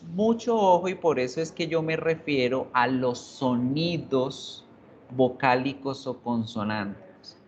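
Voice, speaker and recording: A woman teaches basic English over a video call, explaining slowly and patiently. Her audio is dull and lo-fi, with faint hiss behind it. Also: extremely low pitch, darkish tone. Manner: explains patiently, mixing Spanish and English, checks in with "right?" and "¿sí?". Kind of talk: online class lecture. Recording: dull lo-fi online class audio.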